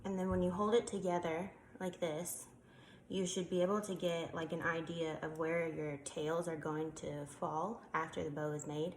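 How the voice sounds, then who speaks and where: This woman's congested voice is low-pitched, moving little in pitch at a moderate pace, as she casually demonstrates a craft step by step. She makes craft tutorials, explaining while her hands work and often saying um; the room is echoey with faint background noise.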